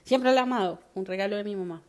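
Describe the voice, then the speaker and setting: Colombian woman cohost, animated storyteller, medium pitch voice, casual chat. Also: fast. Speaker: podcast co-host.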